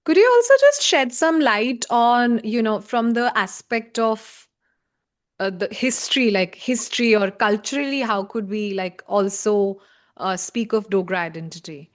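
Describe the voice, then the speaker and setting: A woman's voice: fairly high pitch, lively intonation, measured pace. A woman with an Indian accent hosting a conversational interview, encouraging her guest and feeling her way through her phrasing. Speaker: interviewer, host.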